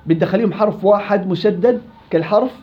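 A man with a Levantine Arabic accent teaching Quran recitation, quizzing students, praising answers and stretching out example words slowly. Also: sits high, muffled recording. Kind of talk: classroom teaching.

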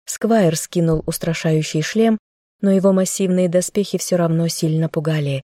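A woman's voice: fairly low pitch, steady tone, moderate pace, mellow, dry recording, studio quality. A woman narrating a fantasy novel in the first person, reading an audiobook.

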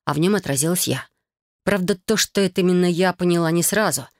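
An audiobook narrator reading a fantasy novel in the first person, with even storytelling. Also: medium pitch, quick pace, dry recording, clean studio sound.

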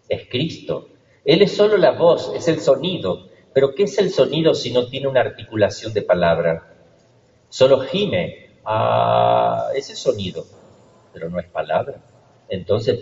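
A man's voice: fairly low pitch, darkish tone. Male priest, homily delivery, rhetorical questions; long church echo, distant mic. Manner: preaching with rhetorical questions and slow emphatic lists. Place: large church. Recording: echoey church hall, distant dull mic.

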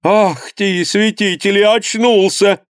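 A man voicing an old peasant-era mother who wails and grumbles crossly, in a drawn-out lament style. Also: mid-range voice, dry recording, studio quality, close to an everyday voice. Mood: overjoyed. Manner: wailing folk lament, drawn out. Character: old woman, wailing grieving mother, cross.

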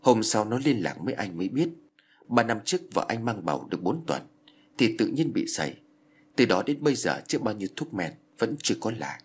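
Husky-voiced man telling a ghost story. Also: lowish voice, brisk. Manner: steady, dramatic storytelling.

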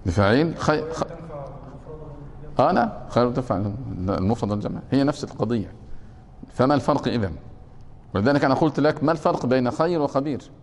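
Egyptian sheikh lecturing in a reverberant hall. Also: male voice, medium pitch, expressive, quick pace, pauses often. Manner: checks the class often with rhetorical questions. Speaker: sheikh teaching Arabic grammar. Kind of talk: classroom grammar lecture.

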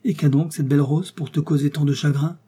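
A rich old king turned fond father, soothing and slow, his voice dark and a little husky, as the narrator plays him. He coaxes more than commands. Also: a little high, fairly even intonation. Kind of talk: storybook reading.

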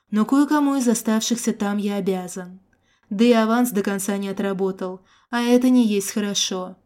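Woman, audiobook narrator, first-person action fantasy, steady and expressive, mellow timbre. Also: mid-range voice.

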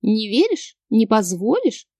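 A woman's voice: on the high side, wildly swooping pitch, measured pace, mellow, no echo, studio quality, pitched above the performer's own voice, full character voice. A woman reading an audiobook, voicing a scheming wife with a sing-song, mocking manner.

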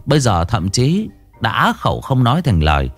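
A man's voice: medium pitch, huge pitch swings, moderate pace, soft background music. A man narrating a story in a vivid, colloquial and salty way.

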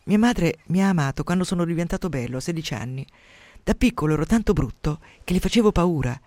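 Self-absorbed young patient, read by a man, talkative, guilt-ridden, high-ish, dry. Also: animated, quick pace, darkish tone, no room sound, close to an everyday voice. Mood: self-pitying. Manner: chattering, self-pitying. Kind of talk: radio story reading.

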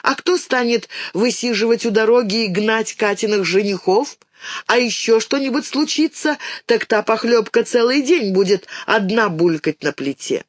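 A woman narrating a children's story aloud with expressive storytelling. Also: fairly high pitch, moderate pace, no room sound, clean studio sound. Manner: expressive, storytelling, vivid intonation. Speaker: audiobook narrator.

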